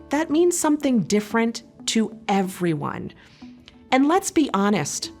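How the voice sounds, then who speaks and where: A woman social worker giving a calm, reassuring educational talk, speaking directly to the listener. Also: mid-range voice.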